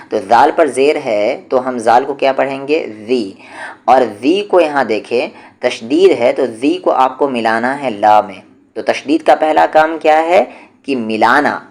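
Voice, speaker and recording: A man teaching an Urdu reading lesson, going slowly and patiently, repeating each rule and sounding out syllables one by one. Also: mid-range voice, a little mellow. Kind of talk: step-by-step spoken lesson.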